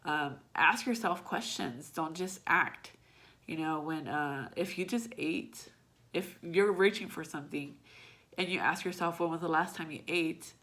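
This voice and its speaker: In her personal vlog, a young low-voiced woman talks to viewers with bright force and blunt rawness, cursing freely. Her pace is unhurried.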